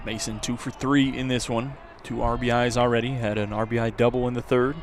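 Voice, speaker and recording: A mid-range male voice, brisk and flat in delivery, gives live radio play-by-play of a baseball game. Ambient outdoor noise and the ballpark crowd fill the background.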